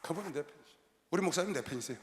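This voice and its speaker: A man preaching a sermon as pastor, shouting and leading the congregation in call-and-response. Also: a little high, expressive, rapid-fire. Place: large arena hall. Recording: roomy long-reverb arena sound.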